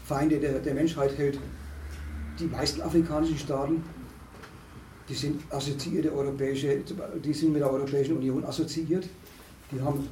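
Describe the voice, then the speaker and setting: A man holding forth in a discussion, halting and restarting often, with emphatic rises. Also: a little high, a little mellow. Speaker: speaker at a discussion on asylum. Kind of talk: lecturing discussion talk. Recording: echoey room, distant mic, faint noise.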